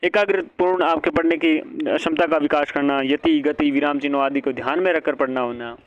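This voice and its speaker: A man speaks a little fast with a fairly high pitch and fairly even intonation. He's a teacher lecturing for exam prep, posing and answering his own questions and repeating each point, and the audio is dull and lo-fi.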